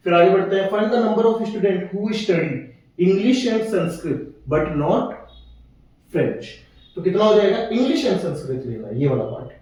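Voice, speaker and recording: A male maths teacher explains a lesson step by step. He asks questions, answers them himself, and reads the question text slowly, word by word. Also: sits high, warm tone, far from the mic. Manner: asks questions then answers them himself, mixing English terms into Hindi. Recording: echoey room, voice off-mic.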